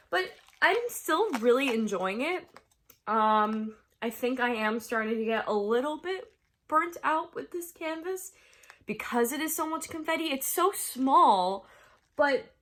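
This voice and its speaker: A young crafting vlogger from the US, her voice on the high side and fairly bright, chats casually to her viewers from her bedroom. A cold leaves her stuffed up, and she laughs often.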